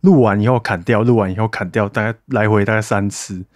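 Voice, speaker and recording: A man's voice: on the low side, steady tone, a little fast, dry recording, studio quality. Chatty self-mocking male podcast host. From Taiwan. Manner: chatty and self-mocking, reads donor messages aloud. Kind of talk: casual solo podcast chat.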